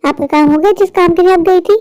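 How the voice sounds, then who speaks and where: A woman voicing a kind middle-aged aunt in a cartoon story, soft and coaxing. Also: very high voice, fast, poor audio.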